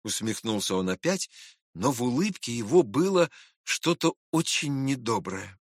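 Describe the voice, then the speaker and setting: A man narrating a classic novel in measured, expressive first-person storytelling. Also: mid-range voice, no room sound, clean studio sound. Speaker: audiobook narrator.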